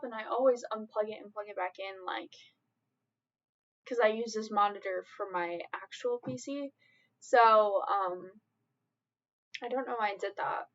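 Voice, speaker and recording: A woman's voice: on the high side, fairly bright tone, highs cut off. A young woman from Michigan with a Michigan accent, chatting casually on a live stream, rambling and giggling often. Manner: giggly, rambling, easily amused.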